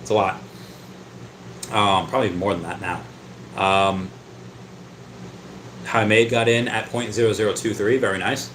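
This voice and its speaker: A man's voice: fairly low pitch, fairly even intonation, a little slow, pauses often, a bit bright, slight background noise. A man hosting a casual livestream, reading out chat comments and rambling, often stammering and repeating his words. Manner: rambling, talkative. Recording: roomy echo.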